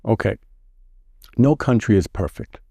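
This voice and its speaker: Middle-aged guy from the us, lowish dark voice, stops and restarts a lot, dry close sound. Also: expressive, gravelly, no room sound. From United States. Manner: halting, with many restarts and repeated words. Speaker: interview guest. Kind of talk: casual interview answers.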